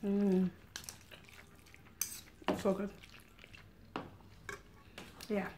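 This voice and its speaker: A woman's voice: mid-range voice, monotone, extremely slow, background noise. A middle-aged woman hosting an eating show, chatting casually while she eats at home. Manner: chatty, eats and talks with mouth full.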